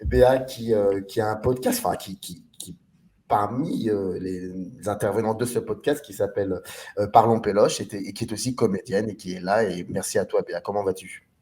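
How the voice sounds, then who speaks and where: Guy hosting a film chat, lowish mellow voice, halting and full of ums. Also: fairly even intonation. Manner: hesitant, halting, many fillers and restarts. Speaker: host of a film discussion show. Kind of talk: casual hosting, introducing guests and films.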